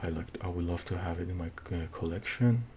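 Speaking from a small indoor home office, a middle-aged Iranian film reviewer with a thick Persian, Middle Eastern accent offers a casual movie review in a warm tone. He halts often, hunting for words through repeated false starts. The room recording is noisy, with a low rumble underneath.

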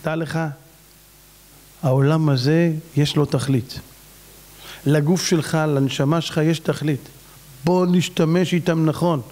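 Rabbi preachin, highish voice, really dramatic, voice swings up and down. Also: male voice, steady tone, pauses often, darkish tone. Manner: dramatic, exclaiming, swings in pitch. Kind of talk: emotive storytelling sermon.

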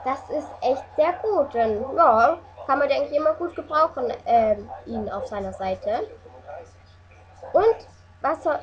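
Brief: young woman, high voice, laid-back let's-play commentary, dull lo-fi audio. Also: animated, a little slow. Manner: reads game dialogue aloud, hesitant fillers. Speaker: let's player. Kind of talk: casual gameplay commentary. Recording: dull lo-fi recording.

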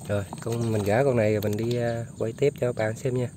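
A man's voice: medium pitch, fairly even intonation, quick pace, noisy background. A man narrating casually to viewers as he checks fishing lines and traps outdoors, chatting to them the whole way. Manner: chatty, keeps addressing viewers. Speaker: outdoor fishing and trapping vlogger. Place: outdoors in flooded rice fields.

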